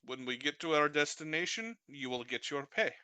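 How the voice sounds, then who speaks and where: A man's voice: a little high, expressive, sharp tone, clear, resonant tone, dry recording. Figure: bossy winged caravan leader. Sex: male, voiced by a man. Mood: stern. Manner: brisk, commanding, lays down rules.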